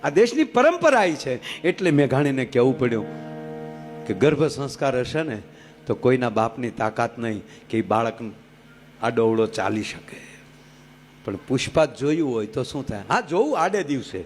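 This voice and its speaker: A man telling folk stories on stage, lively and joking, switching between voices. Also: mid-range voice, normal speed, soft background music. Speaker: folk storyteller. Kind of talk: live humorous folk storytelling.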